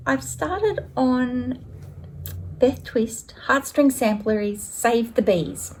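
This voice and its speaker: A woman's voice: fairly high pitch, darkish tone, a little hiss or hum. A woman chatting casually at home about her stitching projects, rambling a little and correcting herself as she goes. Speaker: stitching vlogger. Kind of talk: casual show-and-tell chat.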